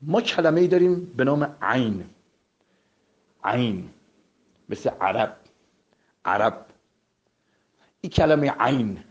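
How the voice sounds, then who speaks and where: A man's voice: medium pitch, sing-song. A man giving a spoken vocal lesson, addressing listeners politely and demonstrating sounds by repeating them. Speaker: voice coach. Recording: dull lo-fi recording.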